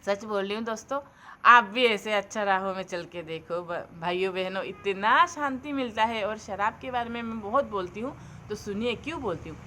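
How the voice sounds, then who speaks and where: A woman's voice: mid-range voice, normal speed, bright, forceful tone, slight background noise. Earnest woman giving homely advice. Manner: earnest, preachy, addresses viewers as friends. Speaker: vlogger. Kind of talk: casual advice monologue.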